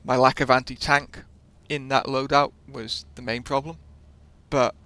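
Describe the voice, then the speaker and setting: A man's voice: medium pitch, little pitch movement, a little slow, pushed and bright, no room sound. A man hosting a gaming video with casual commentary, often hesitating and correcting himself as he explains.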